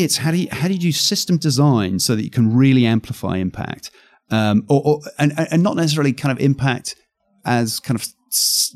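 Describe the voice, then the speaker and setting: A man's voice: mid-range voice, darkish tone. A man, an accelerator executive, talking through his ideas in a casual interview with frequent restarts and fillers. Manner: thoughtful, with many restarts and fillers.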